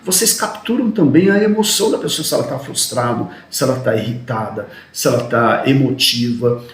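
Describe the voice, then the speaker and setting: A man teaching a recorded video lecture, talking quickly and tagging his sentences with questions to the students. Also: mid-range voice, roomy sound, a little hiss or hum. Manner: talks fast, often adds "né?".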